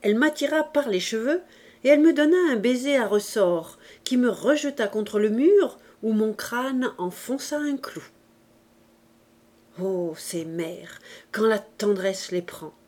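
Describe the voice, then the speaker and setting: A woman reading a classic French novel aloud in a measured, unhurried storytelling voice. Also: fairly high pitch, animated, darkish tone. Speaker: audiobook reader. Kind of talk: unhurried literary narration.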